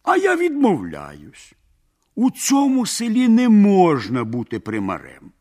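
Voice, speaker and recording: A man voicing a cunning peasant trickster who mocks and boasts calmly. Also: high-pitched, measured pace, voice pushed up, exaggerated voice. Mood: sly.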